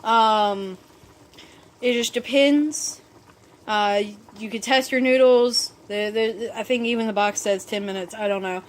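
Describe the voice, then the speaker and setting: A woman's voice: fairly high pitch, steady tone, unhurried. A woman talking casually through a cooking vlog, a bit drunk, rambling and easygoing as she reassures her viewers. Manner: easygoing, self-deprecating, reassuring. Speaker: cooking vlogger.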